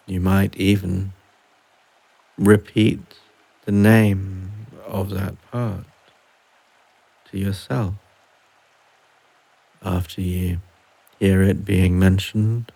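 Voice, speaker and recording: A man leads a guided relaxation in a deep, gravelly voice with a breathy edge. He speaks very slowly and softly, leaving long pauses between short phrases. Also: little pitch movement. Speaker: meditation guide.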